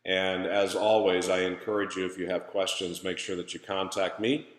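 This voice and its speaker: Male instructor, low-pitched voice, conversational lesson recap, halting delivery, strong hallway echo. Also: level tone. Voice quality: hallway echo from an empty room. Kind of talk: informal recorded lesson recap. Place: empty room in a new place, indoors. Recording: echoey empty room, long reverb.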